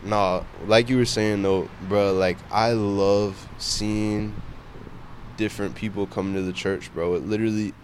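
Low-voiced man, slangy casual faith talk. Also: little pitch movement, unhurried, slight background noise. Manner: informal slangy talk, peppered with "bro" and "you know what I'm saying".

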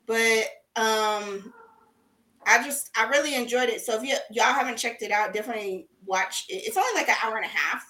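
High, bright, laughing woman podcaster. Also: a little fast, recorded from a distance. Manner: laughs a lot, swears freely, animated. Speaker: podcast co-host. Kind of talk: casual chat. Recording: roomy echo.

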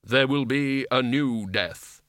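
Ancient grim reaper done by a male reader, grave, unhurried, literal-minded, dry close sound. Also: mid-range voice, fairly bright tone, no echo. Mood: solemn. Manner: slow, measured, grave delivery. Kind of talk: audiobook character reading.

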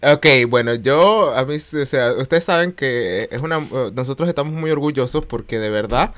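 A man's voice: medium pitch, moderate pace. A man co-hosts a podcast in a loose, casual chat. He speaks with a mixed Chilean and Mexican accent. He jokes and rambles, with plenty of fillers and restarts. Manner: joking, rambling with many fillers. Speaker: podcast co-host.

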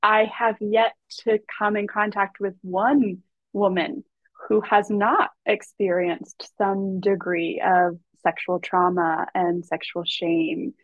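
A woman speaking as a guest educator in a podcast conversation, measured and reflective, with soft fillers. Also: mid-range voice, little pitch movement, no echo, phone-quality sound. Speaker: guest, body and sexuality educator.

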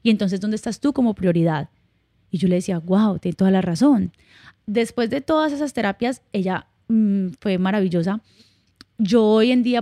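A young woman shares her life in a relaxed podcast conversation, candid and heartfelt. Her voice is mellow and warm, and the recording is dry and close with no room sound. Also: medium pitch, no echo. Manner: candid and heartfelt, storytelling with quoted dialogue. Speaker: podcast guest. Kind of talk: casual conversational interview.

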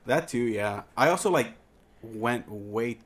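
A man's voice: mid-range voice, animated, takes it slowly, slight background noise. A man on a casual podcast telling rambling, self-deprecating anecdotes. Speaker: podcast co-host. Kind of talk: casual chat.

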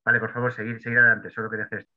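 A man moderates casually and politely at a quick pace, doubling up short phrases. His voice comes through narrow and phone-like. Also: fairly low pitch, completely flat delivery. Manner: courteous, repeats short phrases. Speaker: discussion moderator. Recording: tinny phone-like line.

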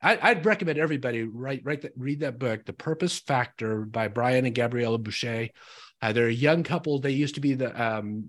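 A man co-hosting a podcast in casual discussion, upbeat and motivational, laughing easily. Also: mid-range voice. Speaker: podcast co-host.

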